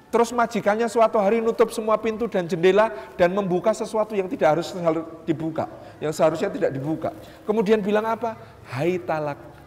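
A man preaching a humorous mosque lecture, telling stories lively and acting out the people in them. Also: high voice, slight background noise. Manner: lively storytelling, acts out quotes, jokes. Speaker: Islamic preacher. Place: large mosque hall. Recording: reverberant hall, faint ambience.

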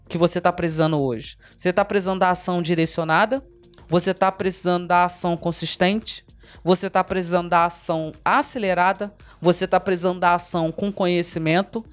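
Emphatic Brazilian motivational podcaster man. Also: high-pitched. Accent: Brazilian Portuguese. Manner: emphatic, repetitive, addresses listener directly. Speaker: podcast host and mentor.

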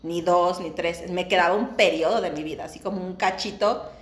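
A woman's voice: lowish voice, fairly quick, echoey room. A woman in her thirties with a Mexican accent, co-hosting a casual chat podcast and telling personal stories openly, with frequent laughter. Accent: Mexican Spanish. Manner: candid, laughs often, animated storytelling. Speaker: podcast co-host.

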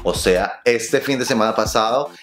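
A man's voice: lowish voice, moderate pace, echoey room, faint music behind. Playful man teaching English. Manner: lively, playful, switches between Spanish and English examples. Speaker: English teacher, channel host. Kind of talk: casual YouTube English lesson.

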